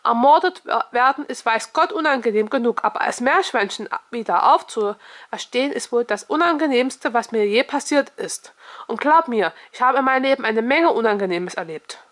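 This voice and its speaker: Woman reading a pompous retired male inspector, huffy, formal, fairly high voice, storybook reading. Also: expressive, moderate pace, a bit bright. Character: pompous retired male police inspector ghost in a guinea pig.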